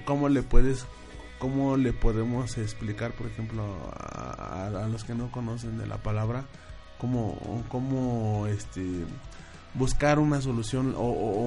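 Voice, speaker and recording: A man hosting a faith talk show, reading out viewer questions with many halting restarts. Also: medium pitch, mellow.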